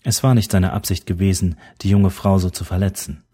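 A man narrating an audiobook in a steady, even storytelling manner. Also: sits low, fairly quick, slightly rough.

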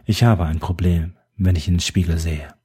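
A man's voice: low-pitched, steady tone, moderate pace, mellow, breathy edge. A man reading an audiobook who voices a cheeky, brash young woman with mocking sass. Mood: sad. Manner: mocking, gum-chewing sass. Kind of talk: audiobook character voice.

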